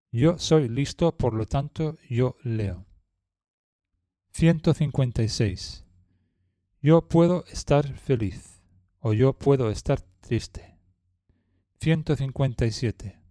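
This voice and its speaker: A man reading numbered example sentences one by one in a slow, measured lesson drill. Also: mid-range voice, warm tone, dry recording, clean studio sound. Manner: reads each numbered sentence slowly and evenly. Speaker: language teacher.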